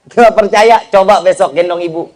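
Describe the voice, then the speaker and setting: A man giving a lively, humorous sermon, speaking directly to the crowd and teasing them. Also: high voice, normal speed. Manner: lively, joking, addresses audience directly with Betawi slang. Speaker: preacher.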